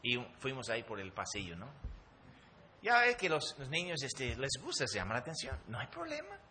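A man's voice: medium pitch, very animated, normal speed, sharp tone, slight background noise. A middle-aged man, preaching a sermon emphatically with frequent hesitations. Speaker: pastor.

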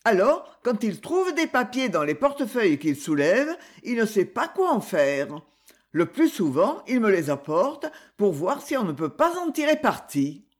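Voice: mid-range voice, very animated, unhurried. A reader voicing a cornered, grumbling male crook in an audiobook, hesitant and surly.

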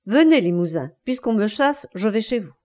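A woman's voice: mid-range voice, expressive, moderate pace, mellow, natural voice. A woman voicing a defiant, scornful unfaithful wife with a cold, taunting delivery.

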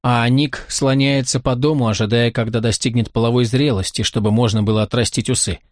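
A man's voice: mid-range voice, fairly even intonation, fairly quick, darkish tone, dry recording, natural voice. A male reader puts on an apologetic neighbor mother in an audiobook. She is fussy and hesitant, politely excusing herself. The sound is close and dry.

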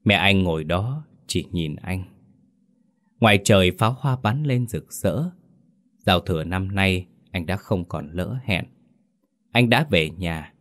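Deep-voiced man narrating a sad story. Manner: slow, gentle, somber reading.

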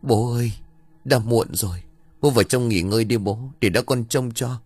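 A man's voice: medium pitch, moderate pace, a little mellow, slightly rough, no echo, voice pushed up, close to an everyday voice. A man voicing an earnest young eldest son who pleads with his grieving father. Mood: earnest pleading.

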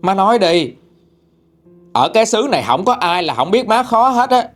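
A man voicing an exasperated middle-aged son who argues loudly with his mother in a Southern Vietnamese accent, inside a spoken ghost story. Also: sits high, very animated, moderate pace, soft background music, pitched above the performer's own voice. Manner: loud, pleading then shouting.

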